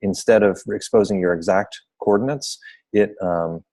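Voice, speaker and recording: A man's voice: fairly low pitch, normal speed, a little mellow. A man hosting an online seminar over a video call, explaining projects informally and apologizing for glitches. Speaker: seminar host.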